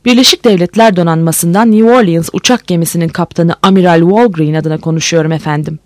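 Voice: mid-range voice, fast, dry recording, studio quality, natural voice. A reader voicing a male navy officer who is formal, respectful and firm.

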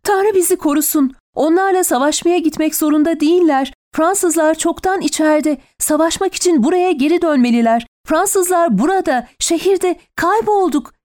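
Woman doing a panicked young mother, high and shrill, pleading for help — storybook scene. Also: quick pace, hardly any pauses. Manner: frantic pleading shouts. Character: terrified young mother clutching her baby.

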